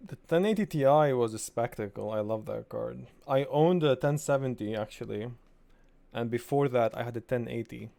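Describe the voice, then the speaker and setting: A man with a mellow, warm voice co-hosts a podcast. He keeps a relaxed, casual tone, chatting loosely and speaking straight to his viewers. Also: medium pitch, normal speed, gravelly. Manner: relaxed, thanks donors and addresses the chat. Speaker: podcast co-host. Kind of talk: casual chat.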